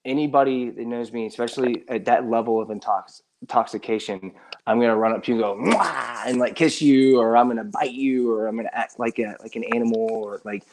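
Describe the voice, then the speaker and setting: A man who is a musician, a guest on a live stream, talking in a rambling, halting way with many restarts and trailing phrases. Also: mid-range voice, steady tone, a little mellow, slight background noise. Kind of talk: casual live stream chat. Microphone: live stream setup.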